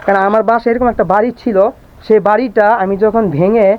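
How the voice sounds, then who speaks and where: A man with a high voice talks quickly as he leads a walking-tour vlog outdoors, chatty and forever pointing things out to viewers. His voice is going hoarse in the cold wind. The audio is dull and lo-fi, with faint outdoor noise behind him. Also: steady tone. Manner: chatty, keeps asking viewers to look. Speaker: vlogger. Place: outdoors on a windy farm estate.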